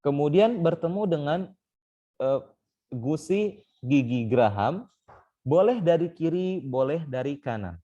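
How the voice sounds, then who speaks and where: A man's voice: on the high side, lively intonation, measured pace, dark tone, dull audio. A young man teaching tajwid in an online class over a call mic, explaining step by step with frequent "eh" and "baik". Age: young adult. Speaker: Quran recitation teacher.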